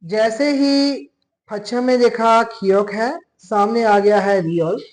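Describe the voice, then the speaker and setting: Slow, deliberate Pakistani man teaching. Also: high-pitched, fairly even intonation, poor audio. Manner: slow and deliberate, spelling out syllables one by one. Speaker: language teacher. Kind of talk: classroom lesson explanation.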